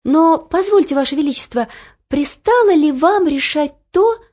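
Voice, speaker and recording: A woman voicing a lively, bold young girl page in an audiobook. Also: high-pitched, normal speed, highs cut off, voice pushed up. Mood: eager.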